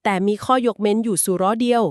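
A woman co-hosting a podcast, calmly and patiently explaining things step by step. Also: fairly high pitch, rapid-fire, dry recording, clean studio sound. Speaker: podcast co-host explaining Quran etiquette.

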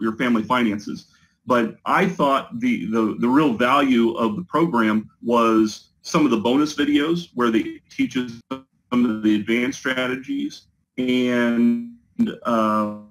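A man's voice: medium pitch, fairly bright tone, poor audio. A man on a video call from his home office, giving an interview testimonial, talking hesitantly with many fillers and restarts. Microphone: video call with a poor connection.

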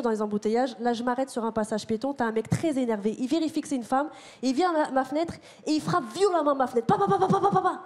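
A woman performing a stand-up comedy set on a theater stage, talking to the crowd in an animated, slangy way. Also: high voice. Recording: live theater with loud crowd noise. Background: audience laughter.

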